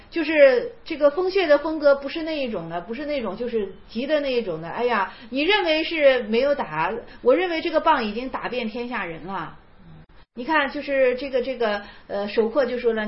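A woman with a high-pitched voice explains old Chan Buddhist stories in a relaxed, conversational lecture. She repeats her phrases as she talks them through. The recording sounds dull and lo-fi. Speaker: teacher explaining Chan koans. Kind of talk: casual spoken lecture.

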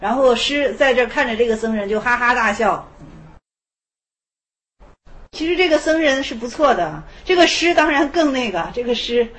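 A woman explaining Zen koans in lively spoken commentary, repeating phrases and thinking aloud with fillers. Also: fairly high pitch, normal speed. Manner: acts out the dialogue with sudden shouts and drops.

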